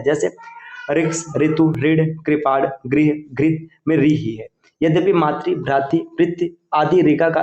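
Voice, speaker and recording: A man with a fairly high voice giving a patient exam-prep lecture, sounding out each example word slowly and checking in with his listeners. The room rings with a noticeable echo. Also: a little mellow, dull audio. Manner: patient, repeats words aloud with "है ना" checks. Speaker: teacher. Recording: echoey room.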